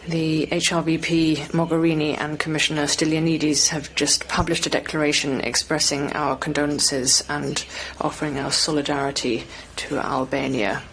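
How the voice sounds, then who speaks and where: A woman giving a live interpretation of a press briefing, halting now and then with fillers as she keeps pace with the speaker. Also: deep voice, a little hiss or hum, poor audio. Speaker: simultaneous interpreter.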